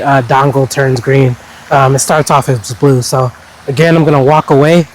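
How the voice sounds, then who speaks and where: A man's voice: mid-range voice, rough recording. A young man giving a casual review outdoors in a park on a wireless clip-on mic, his voice slightly robotic from noise cancellation processing. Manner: relaxed, many um fillers. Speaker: tech reviewer. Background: wind and fountain noise.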